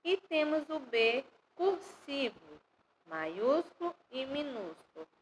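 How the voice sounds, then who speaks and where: A woman with a Brazilian Portuguese accent teaching first graders online, sounding out syllables slowly and stressing them loudly. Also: high voice, very animated, slight background noise, low-quality recording. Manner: slow, stresses syllables loudly when spelling. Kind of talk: online lesson for young children. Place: home or classroom, recorded for an online class.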